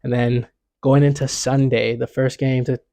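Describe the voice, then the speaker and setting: A man's voice: medium pitch, little pitch movement, moderate pace, vocal fry, dark tone, dry recording. A young man hosting a casual sports picks vlog, talking in a laid-back, slangy way full of "you know what I'm saying".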